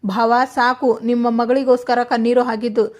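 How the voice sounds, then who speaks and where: A woman with a Kannada accent reading the lines of a scheming middle-aged woman in an even way. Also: a little high, normal speed, natural voice. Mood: reassuring.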